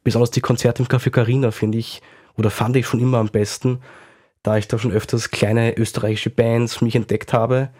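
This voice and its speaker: Guy co-hosting city radio, flat monotone, bit husky, measured. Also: mid-range voice. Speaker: radio magazine co-host and reporter. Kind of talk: radio hosting, partly scripted.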